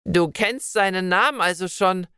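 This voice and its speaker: A wise old woman of the forest speaks slowly and kindly, as a female narrator puts her on. Her storybook voice is low and gentle, with old-fashioned phrasing, recorded dry and close. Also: clean tone, no room sound. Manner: slow, gentle, archaic speech.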